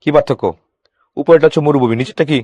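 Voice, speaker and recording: A man teaching English for exams, asking his students quick questions and answering them himself. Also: a little high, fairly even intonation, warm tone, dry recording. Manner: reads English sentences slowly, then explains. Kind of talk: exam-prep grammar lesson.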